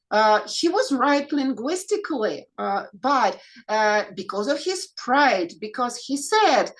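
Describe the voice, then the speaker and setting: A woman's voice: fairly high pitch, a bit bright, rough recording. A woman presenting an academic paper at a conference, posing rhetorical questions and hesitating often as she goes. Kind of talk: academic lecture.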